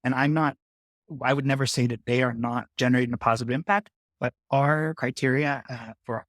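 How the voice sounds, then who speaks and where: A man's voice: mid-range voice, no room sound. A man investor explaining his points at length in an interview, often stumbling and restarting phrases. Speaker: investor guest. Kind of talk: interview answers.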